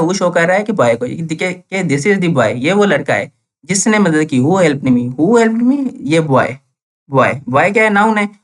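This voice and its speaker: A young man teaching English grammar in Hindi with Urdu words, repeating each point and asking questions that he answers himself. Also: sits high. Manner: repetitive, asks questions and answers them himself. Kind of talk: classroom-style lesson.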